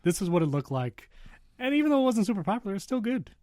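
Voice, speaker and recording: A man with a slightly higher voice co-hosts a casual tech show. He chats loosely, laughs often and reads news items aloud. The sound is dry and close, with no room around it. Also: sing-song, quick pace, darkish tone, no echo. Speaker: podcast co-host.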